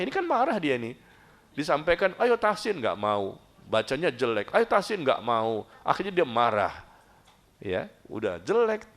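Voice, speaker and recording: A middle-aged man preaches a humorous sermon to a study gathering in a creaky voice. He jokes and often jumps high in pitch for emphasis.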